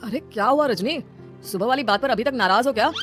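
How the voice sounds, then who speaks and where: A woman's voice: on the high side, a little fast, faint music behind, close to an everyday voice. A woman voicing a patient young husband in a comic skit, coaxing and mildly exasperated. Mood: pleading.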